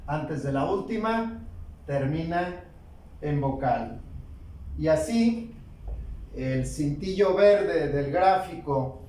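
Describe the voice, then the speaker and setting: A male teacher with a slightly high voice works slowly through a grammar lesson. He asks his own questions and answers them with measured pauses. He sounds set back from the mic in a room with a lot of echo. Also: a little mellow, distant mic, slight background noise.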